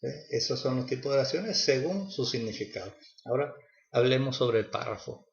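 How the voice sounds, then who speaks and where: A man's voice: medium pitch, lively intonation, fairly quick, vocal fry. Male student presenter, hesitant and filler-laden, echoey dull lo-fi recording. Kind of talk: class presentation.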